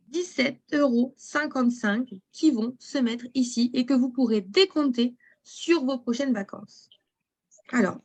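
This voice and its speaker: A woman presenting a travel booking platform in a live online demo, speaking straight to viewers and reading their chat messages aloud. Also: on the high side.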